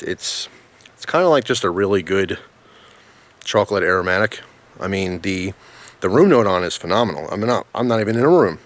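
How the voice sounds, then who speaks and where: A man with a notably deep voice talks through a casual review outdoors. His delivery is informal and halting, wandering from one thought to the next as he goes. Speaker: pipe tobacco reviewer. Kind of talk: casual product review vlog. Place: outdoors in the snow in winter.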